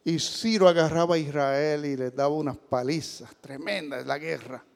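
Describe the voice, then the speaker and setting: Emphatic, high-voiced preacher man. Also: normal speed, creaky. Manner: emphatic, swings from low asides to loud exclamations. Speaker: pastor. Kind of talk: sermon. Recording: long hall reverb.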